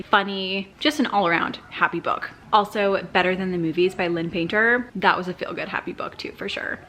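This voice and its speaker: A woman's voice: fairly low pitch, bright, forceful tone, a little hiss or hum. A young woman chatting enthusiastically about books she has read, gushing and casual, as a book vlogger. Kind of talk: casual chat.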